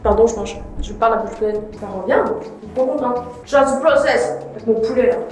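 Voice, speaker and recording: A woman's voice: a little high, a little fast, darkish tone, heavy reverb, soft background music, rough recording. A young woman filming a casual home vlog, chatty and self-mocking, swearing casually as she paints her entryway. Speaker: vlogger.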